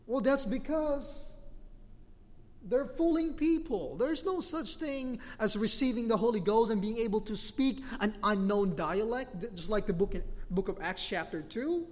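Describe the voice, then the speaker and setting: A middle-aged Filipino pastor with a Filipino accent preaches a sermon from the pulpit, his voice sitting high for a man. He speaks animatedly and unhurriedly, laughing often between points, while the church hall gives his words a long reverb.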